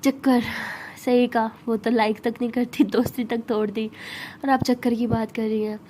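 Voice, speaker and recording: A withdrawn young student, weary and pleading, with a high voice. A woman reads her in a spoken love story. Light noise sits behind her. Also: little pitch movement, normal speed, dark tone, close to an everyday voice.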